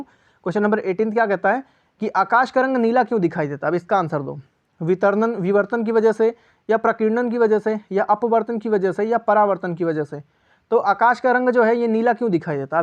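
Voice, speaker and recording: A man's voice: high-pitched, muffled recording. A man teaching a casual quiz lesson, chatty, asking viewers for answers and repeating each key answer as question and reply. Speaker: exam-prep teacher.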